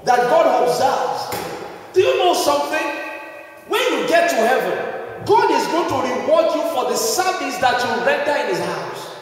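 A male pastor preaching a sermon, shouting his emphasis, asking the congregation to repeat after him, with many "you know" fillers. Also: extremely high pitch, big pitch swings, moderate pace. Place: church hall. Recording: echoey hall, mic far off.

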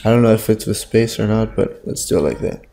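A man casually narrating his gameplay with rambling, profane commentary, his voice coming through the low-quality audio of a webcam microphone at his home computer. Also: fast, mellow. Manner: rambling and profane, thinking aloud while playing. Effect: low-quality stream audio from a webcam mic. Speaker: Minecraft let's-play streamer.

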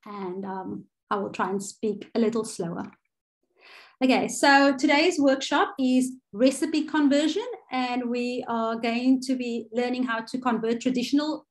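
A woman's voice: on the high side, a little slow. A woman with a South African accent leading an online cooking workshop over a video call, chatty with many fillers and self-corrections.

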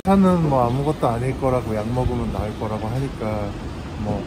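A man's voice: mid-range voice, very noisy. A Korean man with a headache, chatting casually through a face mask in a vlog and mixing languages. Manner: mixes Korean, English and Indonesian, quick in Korean. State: has a headache, unwell. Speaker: vlogger, husband.

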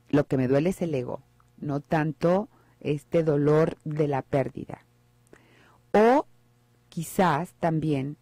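Female radio psychologist, warm and dark in tone, reflective and questioning, with a dry close sound. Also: low-pitched, no room sound. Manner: reflective, poses rhetorical questions to listeners. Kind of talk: radio advice talk. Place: radio studio.

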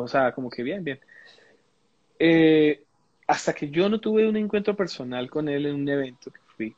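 In a live interview, a male guest gives a personal testimony in a slightly high, somewhat mellow voice. He sounds reflective, hunting for words and often starting over. The recording is muffled, with no room sound.

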